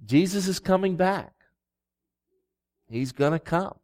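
A man preaching as a pastor, reading scripture and speaking to a congregation in a deliberate, pausing way. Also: high voice, expressive, darkish tone. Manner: slow, deliberate, with long pauses.

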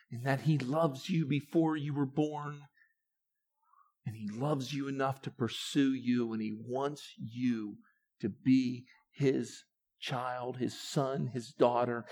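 A pastor preaching a sermon to his church, swinging from quiet, low passages to loud, rising ones.

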